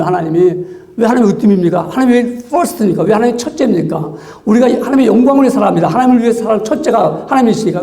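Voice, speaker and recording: A man preaching as a pastor, acting out quoted exchanges in an animated way. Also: sits high, reverberant. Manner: animated, acts out quoted dialogue. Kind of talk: sermon.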